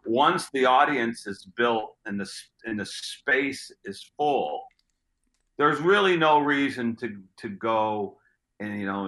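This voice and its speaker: A gruff middle-aged street magician rambles through interview questions, often repeating words while he thinks. His voice is on the low side, bright and forceful, and the sound is roomy.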